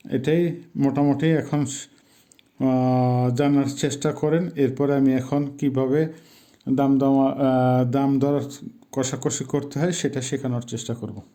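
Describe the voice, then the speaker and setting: Man in his fifties, from Bangladesh, language teacher, very slow, patient repetition, deep mellow tone. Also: level tone. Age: 50s. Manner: patient, repeats each word slowly for pronunciation. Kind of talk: slow, careful language lesson.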